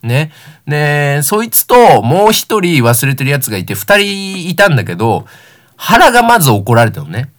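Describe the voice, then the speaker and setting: A young man of about nineteen talks alone as host of a comedic talk show. He rambles through anecdotes and mocks himself, and his pitch swings widely up and down as he goes. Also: very animated, moderate pace, fairly bright tone. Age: young adult, about 19. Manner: rambling, self-deprecating comic storytelling.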